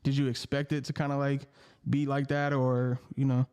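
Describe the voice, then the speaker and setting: A man's voice: mid-range voice, flat delivery, normal speed, a little mellow, clear, resonant tone. A man co-hosting a casual podcast, asking rambling questions full of fillers.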